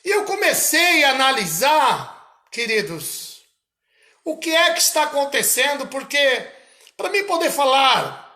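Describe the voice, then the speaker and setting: A man from Brazil with a Brazilian Portuguese accent, preaching slowly and emphatically about a vision, repeating his phrases. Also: very high voice, pushed and bright, reverberant. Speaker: missionary preacher. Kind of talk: sermon recounting a vision.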